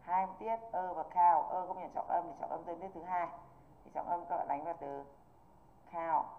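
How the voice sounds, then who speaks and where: Woman, English teacher, online lesson, lowish voice, thin phone-like sound. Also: steady tone, normal speed. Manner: patient, repeatedly checking students understand. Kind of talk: online exam review lesson. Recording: tinny phone-like online call audio.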